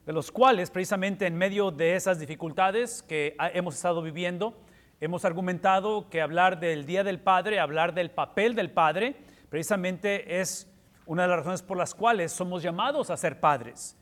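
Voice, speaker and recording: A man's voice: sits high, moderate pace, fairly bright tone, big-room sound. A man preaching a sermon with emphasis, repeating key words and slipping in English terms. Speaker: pastor. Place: church hall.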